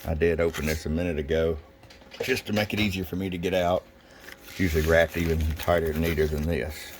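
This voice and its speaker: At a radio workbench indoors, a folksy, plain-spoken shop technician and presenter casually demonstrates a product hands-on and off the cuff. He has an extremely low voice with fairly even intonation and talks a little fast over some background noise.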